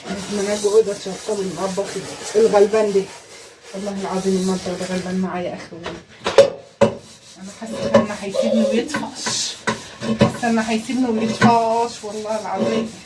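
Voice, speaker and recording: A woman's voice: flat delivery, fast, very noisy, close to an everyday voice. A woman with an Egyptian accent playing a messy, self-mocking housewife in a comedy sketch, chatty and dramatic. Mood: complaining. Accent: Egyptian Arabic. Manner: chatty, dramatic, swings into shrill shrieking.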